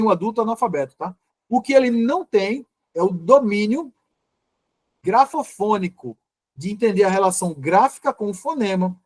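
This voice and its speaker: A male teacher giving a live online lecture, explaining step by step with frequent restarts and pauses. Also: sits high, dry recording.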